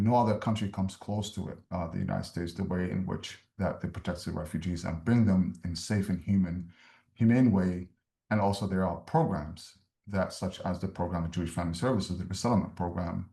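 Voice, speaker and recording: A man from Somalia giving a measured, explanatory webinar talk on refugee services, with frequent fillers. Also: deep voice, gravelly, darkish tone, reverberant. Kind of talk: webinar presentation.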